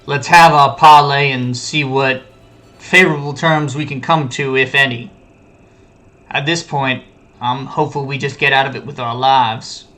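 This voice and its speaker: A stern ship's officer in a tabletop fantasy game, acted by a man, with a bright, firm voice. He speaks with the grave reproach of a disappointed parent. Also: medium pitch, steady tone, moderate pace, close to an everyday voice.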